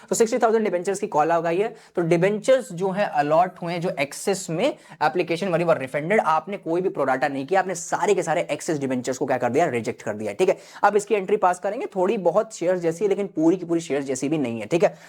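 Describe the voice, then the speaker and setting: A man's voice: on the high side, darkish tone. A male teacher giving an online exam-prep lecture, explaining step by step and often checking in with his students. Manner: explanatory, keeps checking in with students, mixes in English terms. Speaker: accountancy teacher.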